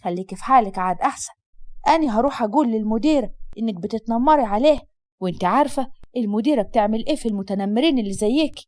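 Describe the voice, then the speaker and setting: Woman playing a chatty Upper Egyptian teen girl, brisk and high, dry close sound. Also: animated, a little mellow, no room sound, lightly acted. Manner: talkative, teasing. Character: lively chatty Upper Egyptian schoolgirl friend.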